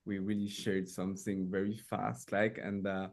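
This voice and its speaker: A man's voice: sits low, little pitch movement, normal speed, vocal fry, darkish tone. Upbeat French-accented male host. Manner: enthusiastic, loose second-language English. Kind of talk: live-stream interview.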